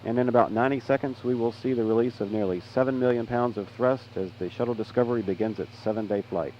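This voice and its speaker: A man with an American accent giving measured, official countdown commentary as a mission control launch announcer. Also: mid-range voice, fairly even intonation. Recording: dull, noisy public address feed.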